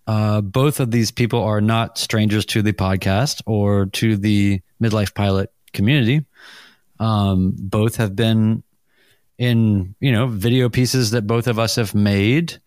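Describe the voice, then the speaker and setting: A man's voice: lowish voice, darkish tone, clean tone, no echo, studio quality. A middle-aged man hosting a casual podcast chat, rambling and self-deprecating, laughing often, on a mic over a video call. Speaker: podcast host.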